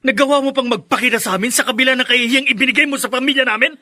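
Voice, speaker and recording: In a melodramatic Filipino radio drama, an actor with a Filipino accent plays a bitter, angry young adult son, confronting someone with a furious, threatening edge. His male voice is extremely high-pitched, sharp and rapid-fire, and the performance is heavily acted.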